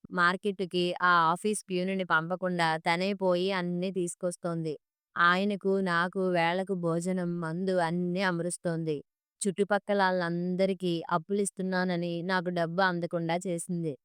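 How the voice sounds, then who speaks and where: A woman voicing a sharp-tongued middle-aged mother-in-law who complains and scolds in a storybook monologue. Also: lowish voice, flat delivery, normal speed, clear, resonant tone, no room sound, studio quality, close to an everyday voice. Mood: regretful.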